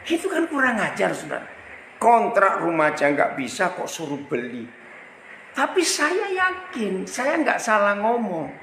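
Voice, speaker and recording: An older man from Indonesia preaching as an evangelist, telling a story with lively acted-out dialogue. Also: sits high, normal speed, vocal fry, roomy sound, a little hiss or hum, rough recording. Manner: animated, acts out both sides of conversations. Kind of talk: sermon storytelling.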